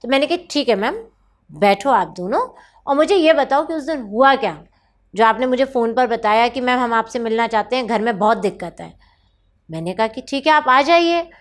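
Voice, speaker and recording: A woman counsellor recounting a session with a mother and child, acting out the dialogue and dropping to soft asides. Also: a little high, animated, normal speed.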